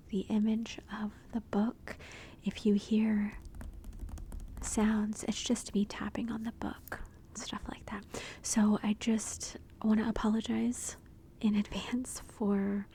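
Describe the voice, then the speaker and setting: A woman speaking softly in a hushed, breathy near-whisper, gently and unhurriedly giving an ASMR book review. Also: medium pitch, a little hiss or hum.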